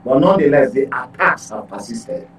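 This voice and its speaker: A man with a Nigerian accent, a studio panelist on a political radio talk show, delivers impassioned, emphatic commentary packed with rhetorical questions and repeated phrases. His mid-range voice is animated at normal speed, and the recording is rough.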